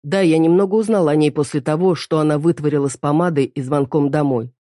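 A woman's voice: deep voice, fast talker, dark tone, no room sound, clean studio sound. A woman narrating an audiobook in a tense, clipped reading.

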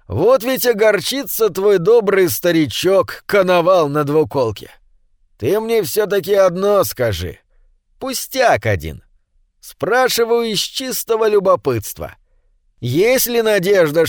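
A man's voice: sits high, dry recording, clean studio sound, pitched above the performer's own voice. A man voicing an eager middle-aged nephew who exclaims and frets.

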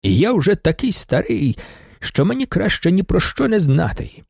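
An old male shop clerk, earnest and fatherly toward his friend, as a male storyteller reads him. His voice sits a little high and swings widely in pitch. The sound is dry and close. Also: sing-song, moderate pace, vocal fry, a little mellow, breathy edge, no room sound, full character voice.

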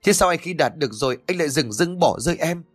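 A man's voice: medium pitch, expressive, normal speed, husky, soft background music. A man voicing a pregnant young village woman who pleads in a raised, strained voice. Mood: tearful pleading.

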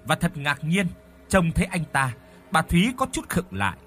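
A man's voice: on the high side, sing-song, moderate pace, a bit bright, faint music behind. A man narrating a horror audiobook expressively, voicing the characters as he reads. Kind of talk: dramatic horror story narration.

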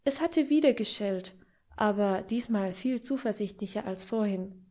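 A woman narrating an audiobook in a calm, measured reading. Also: medium pitch.

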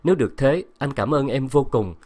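A man reading the lines of a remorseful middle-aged husband, soft and earnest. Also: medium pitch, lively intonation, fairly quick, pitched above the performer's own voice, natural voice. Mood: soothing.

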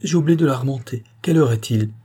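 A man's voice: mid-range voice, dark tone, slightly rough, pitched above the performer's own voice, close to an everyday voice. A man voicing an embarrassed young male guest in a storybook, calling out in a hurry. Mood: flustered. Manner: embarrassed, hurried exclamations.

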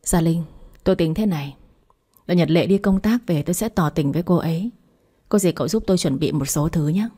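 A woman voicing an earnest young man resolved to win the woman he loves, in a low, mellow voice. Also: fairly quick, slightly rough. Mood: determined. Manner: earnest, determined.

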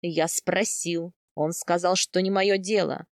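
Low, stern older khan, clipped orders, dry audiobook read; a woman plays him. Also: steady tone, takes it slowly, dry recording. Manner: commanding, gruff. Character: stern older male khan, authoritative father. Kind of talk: audiobook character voice.

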